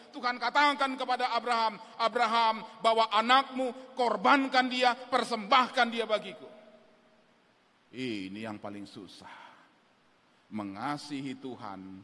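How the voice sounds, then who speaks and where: A man's voice: medium pitch, pushed and bright. A man preaching a sermon as pastor, telling stories with animation and building to emphatic exhortation. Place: large church. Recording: reverberant church hall.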